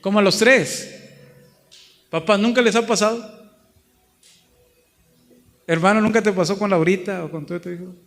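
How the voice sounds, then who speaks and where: High-pitched northern Mexican pastor preaching. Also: male voice, moderate pace, vocal fry, long pauses, a bit bright. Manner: preaches with rising emphatic repetition, acts out dialogue. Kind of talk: sermon. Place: large church hall. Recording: long church hall reverb.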